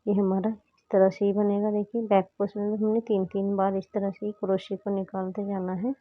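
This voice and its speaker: A woman's voice: medium pitch, flat delivery, moderate pace, dry recording. Female crochet tutor, sore throat, patient step-by-step teaching; narrow phone-like audio, dry. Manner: patient, repeats "dekhiye" while demonstrating. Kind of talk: step-by-step craft instruction. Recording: tinny phone-like sound.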